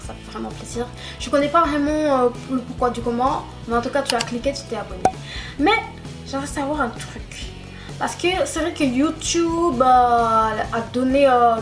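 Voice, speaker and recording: Casting: woman YouTuber, fairly high voice, chatty and emphatic, talking straight to camera; faint music underneath. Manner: repetitive, keeps stressing "vraiment"; talks straight to the viewer. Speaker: YouTube vlogger. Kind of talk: casual chat to subscribers. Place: bedroom at home, at night. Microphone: camera-mounted shotgun mic.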